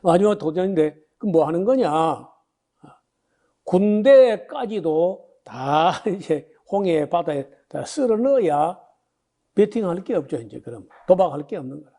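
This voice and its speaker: An older male pastor in his sixties teaches from the Bible in a loose, chatty sermon style. His voice sits high for a man but sounds soft and mellow. He stops often to throw questions at his listeners and reads verses aloud before he explains them. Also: big pitch swings, measured pace. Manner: conversational, many fillers and rhetorical questions; reads scripture passages aloud then explains.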